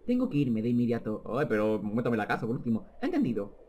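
A man's voice: mid-range voice, wildly swooping pitch, fast talker, warm tone, slight background noise, voice pushed down. A man reading the lines of a stern, formal middle-aged father in a video game.

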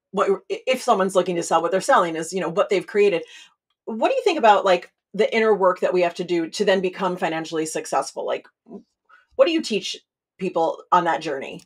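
A woman's voice: mid-range voice, a little fast, slightly rough. A woman hosting a podcast interview, talking in a chatty way and often checking in with her listener as she speaks. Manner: chatty, tags sentences with "right?" and "you know". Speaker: podcast host.

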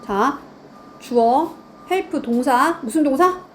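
A woman's voice: high-pitched, lively intonation, takes it slowly, a little hiss or hum. A woman teaching grammar in a lecture, quizzing her students and answering her own questions.

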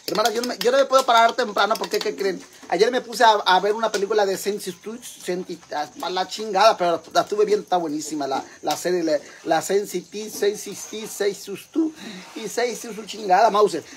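A performer, Mexican accent in place, voices a coarse, boastful Mexican mother spilling rambling gossip to her sisters for a comic monologue with a brash mood. The medium-pitched delivery is brisk and close to an ordinary voice, with a little hiss or hum.

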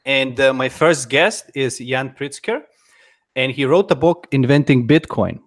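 A man in his thirties hosting a live interview, speaking haltingly with many pauses and restarts, into a studio microphone at home. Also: medium pitch. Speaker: interviewer host. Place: home room. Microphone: headphones and studio mic on a boom.

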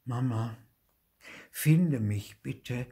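A man's voice: medium pitch, lively intonation, moderate pace, warm tone, lightly acted. An older man voicing a scared little boy of five who murmurs anxiously to himself in a read-aloud storybook. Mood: worried.

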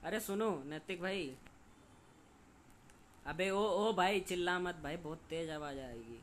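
A young man streaming a game and chatting loudly with friends on a call, joking and complaining as he plays. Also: high-pitched, slow, slight background noise. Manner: loud, joking banter with friends. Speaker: gaming streamer.

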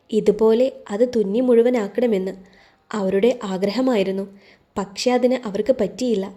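A woman's voice: a little high, warm tone, close to an everyday voice. A woman voicing a caring young woman who asks anxious, concerned questions, within a storybook narration.

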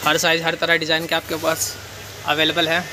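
A man's voice: on the high side, monotone, normal speed. A man hosting a casual on-location interview, asking questions and echoing the answers back. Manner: inquisitive, echoes the answers back. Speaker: video host interviewing a shopkeeper. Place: small indoor shop. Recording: clear ambient noise of a shop.

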